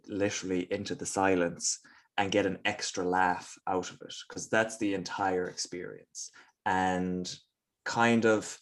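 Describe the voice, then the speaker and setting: A man from the west of Ireland with an Irish accent, chatting casually and playfully as an interview guest, with self-deprecating humour. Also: low-pitched. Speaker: guest comedian.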